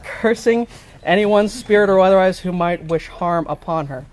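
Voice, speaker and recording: A man's voice: high voice, moderate pace, a little mellow, poor audio. A man officiating an informal wedding, explaining the ceremony in a wry way. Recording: live ceremony with faint ambient noise.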